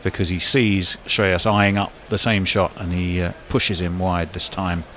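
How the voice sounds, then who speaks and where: A man with a deep, level, fairly bright voice provides live commentary on a cricket match, ball by ball. The play-by-play is brisk, with sudden lifts when big shots are struck. Slight background noise is audible.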